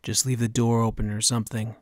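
Guy playing a gruff no-nonsense frontier gunman, talks low and short, dry close sound. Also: little pitch movement, fairly quick, no echo, close to an everyday voice. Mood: curt. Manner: low, blunt, curt. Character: gruff male frontier mercenary, blunt and impatient.

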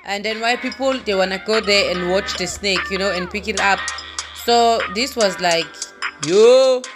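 With music playing in the background, a woman vlogs from a handheld phone, wandering outdoors before heading inside a cave. Her mid-range voice moves at a measured pace as she chats, rambles, and laughs at herself.

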